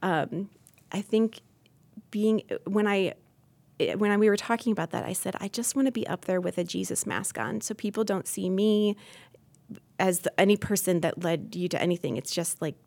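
A woman in her thirties, a podcast guest, talking earnestly and thoughtfully on a faith podcast, pausing and restarting as she thinks. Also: medium pitch, gravelly, darkish tone. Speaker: podcast guest, incoming host.

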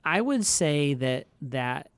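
A middle-aged man co-hosting a podcast, chatting casually and telling animated stories with frequent restarts. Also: fairly high pitch, slow, clean tone, dry recording. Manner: animated storyteller who acts out quoted voices; frequent restarts and filler words. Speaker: podcast co-host.

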